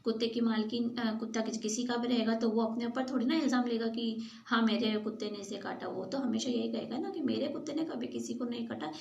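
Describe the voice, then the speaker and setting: Woman teacher, high voice, patient story explanation, echoey room. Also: fairly even intonation, brisk, gravelly, hardly any pauses, darkish tone, muffled recording. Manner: patient, retells in simpler words. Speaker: school teacher. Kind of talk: reading and explaining a story to a class.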